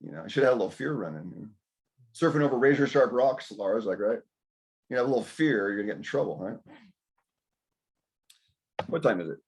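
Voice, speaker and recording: A middle-aged man hosting a casual group health discussion, rambling through animated stories and asides. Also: lowish voice, brisk, pauses often. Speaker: health talk host.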